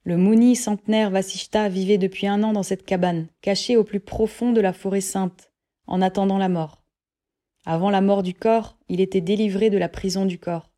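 A woman narrating a literary audiobook in a measured, even reading voice. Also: mid-range voice.

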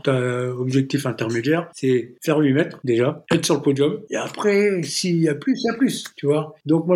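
A man's voice: fairly high pitch, darkish tone. A man from France, a former long jumper, talks through his past in a loose, slangy flow. He fills his sentences with small fillers and restarts as the story runs on. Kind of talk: casual storytelling interview.

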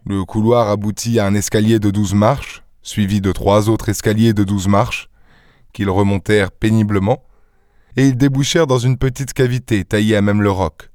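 Smooth-voiced male audiobook narrator. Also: on the low side, steady tone, normal speed, a little mellow, dry recording, clean studio sound.

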